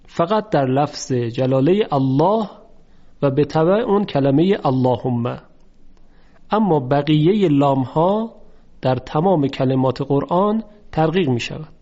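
A man teaching a lesson on Quran recitation, slowly drawing out example words to demonstrate pronunciation. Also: fairly high pitch, animated, mellow. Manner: slow, drawn-out demonstration of words. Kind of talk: lesson on tajweed. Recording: dull lo-fi recording.

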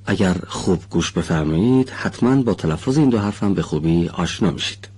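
Deep husky male recitation teacher. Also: lively intonation, darkish tone. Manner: polite, formal, patient explaining; slowly drawn-out demonstration syllables. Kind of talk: televised pronunciation lesson. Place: studio.

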